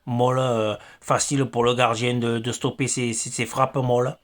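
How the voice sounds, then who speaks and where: An angry man rants after a football match on his fan channel. He hesitates a lot, stammers and fills his pauses as he talks. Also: mid-range voice, flat delivery. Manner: hesitant, many fillers and stammers. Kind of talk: angry post-match rant.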